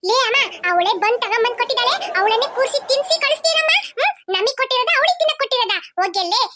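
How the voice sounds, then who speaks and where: A woman's voice: extremely high pitch, lively intonation, very fast, heavy background noise. Woman doing a rude bratty cartoon little sister. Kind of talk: cartoon voice acting. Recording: loud background music.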